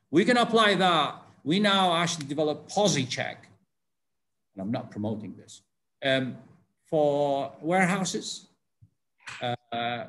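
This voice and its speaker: An older man speaking on a video call panel as a food safety consultant, rambling with many fillers and restarts. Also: mid-range voice.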